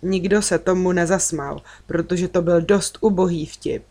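Female narrator, low-ish voice, gentle children's story reading. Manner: gentle storytelling, lifting her voice for children's lines. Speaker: audiobook reader.

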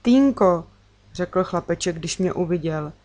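A woman narrating a children's story in the first person, in an expressive reading manner. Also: medium pitch.

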